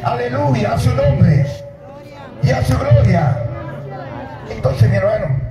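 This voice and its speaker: A middle-aged man preaching at night on an outdoor stage, speaking into a handheld mic, calling out to the congregation and shouting at the peaks. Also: very high-pitched, lively intonation, slow pace, a loud crowd, very noisy. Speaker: pastor. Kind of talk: open-air sermon. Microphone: handheld mic through PA, filmed from far. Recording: echoey PA sound from far off.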